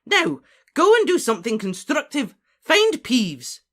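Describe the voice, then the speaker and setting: An audiobook narrator voicing a stern, commanding woman professor of witchcraft, crisp and imperious, in a storybook reading. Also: mid-range voice, sing-song, brisk, a bit bright, voice pushed up. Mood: exasperated, commanding.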